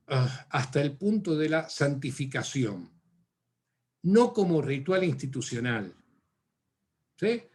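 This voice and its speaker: A man with an Argentine Spanish accent answers questions in an academic seminar, speaking thoughtfully but with many fillers and restarts. His voice runs on the high side with a darkish tone.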